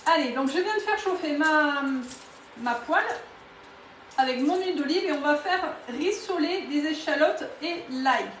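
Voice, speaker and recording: A woman's voice: high-pitched, expressive, normal speed, fairly bright tone, a little hiss or hum. Chatty southwestern French woman, roomy kitchen. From southwest France, near Toulouse. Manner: chatty, enthusiastic, many fillers and restarts. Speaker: home cooking demonstrator on a live stream. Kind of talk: live cooking demo with viewer greetings. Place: home kitchen. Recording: roomy, a bit distant from the mic.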